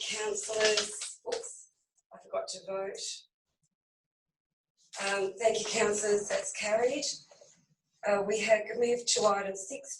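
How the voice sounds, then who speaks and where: Croaky woman chairing a meeting. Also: medium pitch, slight background noise. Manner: procedural, brisk agenda reading. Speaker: mayor chairing a council meeting. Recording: echoey room from a distance.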